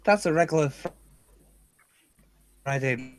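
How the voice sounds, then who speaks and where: A man's voice: fairly high pitch, a little slow. A man chatting casually over an online call that is dropping out, his voice breaking up. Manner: joking, sarcastic. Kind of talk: casual chat. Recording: choppy online call audio.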